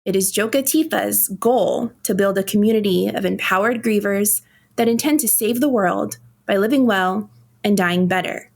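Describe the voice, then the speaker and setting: A woman's voice: medium pitch, moderate pace, gravelly. Woman co-host reading an intro. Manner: steady, reads from a script. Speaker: podcast co-host.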